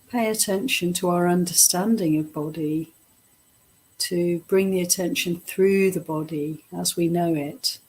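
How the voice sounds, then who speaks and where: A woman leads a meditation in a slightly low, breathy, husky voice, speaking very slowly and gently in short phrases separated by pauses. She sounds softly instructive, like a teacher guiding a practice. The audio quality is poor.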